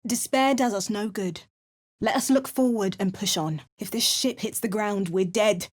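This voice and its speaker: These parody game voice lines come from a woman playing a wry, dramatic adventurer heroine with an exaggerated mock Cockney accent and hammy spell chants. Her voice is medium-pitched and natural, at normal speed.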